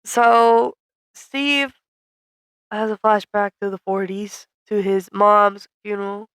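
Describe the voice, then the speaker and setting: A woman's voice: mid-range voice, little pitch movement, slow pace, fairly bright tone, smooth, no echo. A woman co-hosting a podcast, recapping a movie in casual chat with wry, teasing asides. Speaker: podcast co-host.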